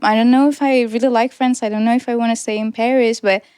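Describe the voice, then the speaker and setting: An Iranian interview guest in her twenties, whose first language is Persian, talks fast while earnestly and reflectively recounting her personal story, with the odd restart and light laugh. Her voice is on the high side, fairly even in intonation, slightly mellow and clean in tone. The recording is dry and studio quality.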